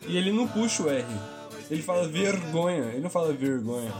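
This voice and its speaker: A podcast co-host chatting casually and lively about songs. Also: medium pitch, racing, over music. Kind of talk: casual chat.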